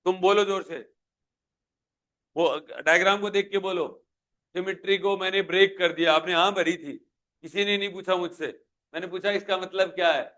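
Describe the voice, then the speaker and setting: A man's voice: high-pitched, fairly even intonation, normal speed, pauses often, fairly bright tone. A male physics teacher with a Hindi accent giving a live classroom lecture, questioning students and pushing them to answer aloud.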